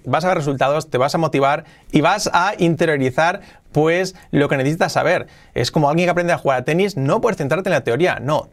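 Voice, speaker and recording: A man with a voice on the high side gives an energetic online lesson as an English teacher, punching out each numbered tip.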